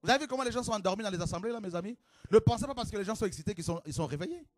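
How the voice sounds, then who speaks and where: A man preaching a fiery sermon to a congregation, with shouted exclamations and rhetorical questions. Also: sits high, expressive, rapid-fire, dry recording, clean studio sound.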